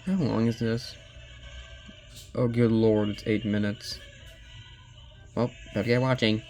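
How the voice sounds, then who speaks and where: A man reacting to a video with sarcastic, bickering, deadpan asides. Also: fairly low pitch, a little slow, faint music behind. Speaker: video reactor voicing a cast of characters.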